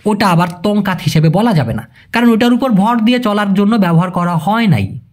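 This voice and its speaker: Speaking fairly quickly in a high voice, a man gives a relaxed language lesson on video, where he explains things patiently, goes over key terms repeatedly, and tests his audience with questions.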